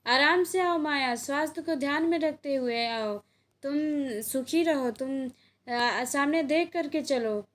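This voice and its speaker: A woman retelling a gentle, forgiving woman. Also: sits high, measured pace. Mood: soothing. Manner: soothing, reassuring.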